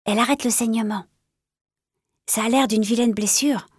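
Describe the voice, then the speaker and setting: Lady reading as a young apprentice tomcat whispering to his pal, softish, dry sound. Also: fairly high pitch, fairly even intonation, moderate pace, slightly rough, dry recording. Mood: hushed. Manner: hushed, confiding. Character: chatty young male apprentice cat.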